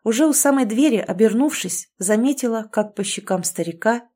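A woman reading a story aloud as narrator, in an even, measured storytelling voice. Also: on the high side. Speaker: audiobook reader. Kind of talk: scripted narration.

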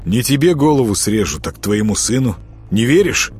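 A man voicing a vengeful male ghoul who shouts threats in a wild, snarling manner. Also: mid-range voice, big pitch swings, moderate pace, faint music behind, natural voice. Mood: furious threatening.

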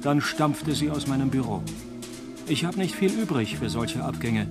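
A man performs a cynical noir detective for a radio play. He is dry and deadpan, wisecracking his way through hardboiled lines. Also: medium pitch, normal speed, loud music behind the voice, lightly acted. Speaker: narrator and lead actor of a detective radio play. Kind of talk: noir detective parody radio drama, first-person narration.

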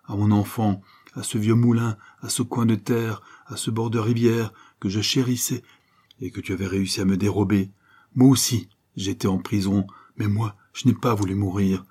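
A man's voice: fairly low pitch, steady tone, moderate pace, darkish tone, breathy edge. A man voicing a stern, wrathful older former convict who accuses in a thundering way, read as an audiobook. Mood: accusing. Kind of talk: audiobook reading.

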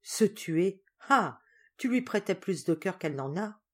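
A woman's voice: fairly low pitch, lively intonation, measured pace, husky. A woman doing a brusque old spinster sister. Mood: grim. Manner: brusque, commanding. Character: stern, forceful elderly spinster sister.

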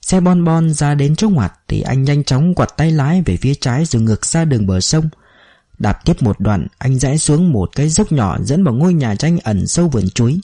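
A man narrating a novel in a steady storytelling manner. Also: fairly high pitch, normal speed, dry recording, studio quality. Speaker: audiobook narrator. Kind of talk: scripted narration.

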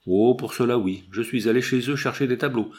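A man reading the part of a pushy woman furniture dealer, full of brisk sales patter. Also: mid-range voice, darkish tone, natural voice.

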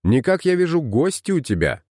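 A man's voice: a little high, very animated, a little fast, darkish tone, dry recording, clean studio sound, pitched above the performer's own voice. A man reading an audiobook, voicing a burly, bullying village headman who blusters and threatens. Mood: mocking.

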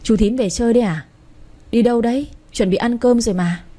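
A woman's voice: mid-range voice, moderate pace, husky, natural voice. A woman voicing a cheerful, welcoming elder sister-in-law. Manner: bright, welcoming.

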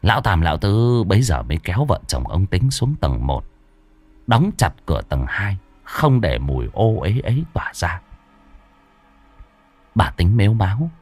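A man narrating a ghost story in a dramatic, animated way. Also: sits low, normal speed, faint music behind.

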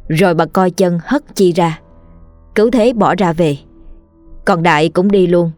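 A woman narrating a ghost story in a slow, sorrowful storytelling manner. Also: on the low side, darkish tone, no room sound, soft background music.

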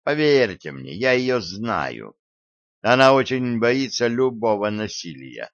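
A man voicing Archer, a bitter male schemer who talks calmly and smiles as he lays out his plan. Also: mid-range voice, takes it slowly, dry recording, lo-fi sound. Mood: calm scheming.

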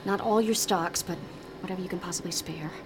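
An actress playing a young princess and rebel leader in a space-opera radio drama, commanding and cutting. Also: female voice, on the low side, a little fast, a little hiss or hum, natural voice. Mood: commanding, cool.

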